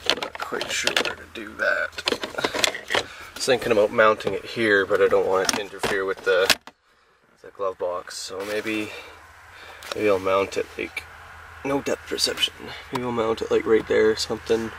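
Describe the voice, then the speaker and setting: With a lowish, gravelly voice at normal speed and a steady tone, a twentysomething Canadian vlogger rambles casually and slangily in a relaxed manner. He's using the camera's built-in mic, handheld or at arm's length, and the audio carries vehicle and ambient noise.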